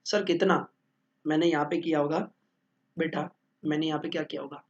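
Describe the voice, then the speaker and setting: Man, high voice, dull lo-fi sound, playful lecturer. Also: steady tone, normal speed. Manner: banters and answers his own questions. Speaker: accounting teacher. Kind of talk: joking classroom lecture.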